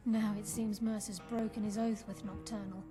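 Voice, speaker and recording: A secretive female thief voiced by a woman in a video game. She speaks in a measured, earnest way, asking for trust. Game music plays clearly behind her. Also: mid-range voice, little pitch movement, natural voice. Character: guarded female thief, sworn secret-keeper. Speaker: game character. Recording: game audio under music.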